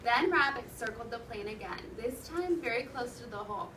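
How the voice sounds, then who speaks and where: This elementary school teacher, a woman with a voice on the high side, reads a storybook aloud to her class in an animated, brisk way, mixing in instruction and questions. The recording, made in an indoor classroom, sounds echoey and noisy from a distant mic.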